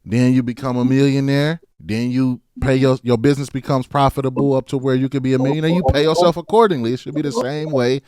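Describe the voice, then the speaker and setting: A man's voice: medium pitch, steady tone, quick pace, hardly any pauses, mellow, clear, resonant tone, no room sound. Man in casual sports podcast talk. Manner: loose, repeats "you know what I'm saying"; restarts and repeats words mid-thought. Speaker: podcast co-host.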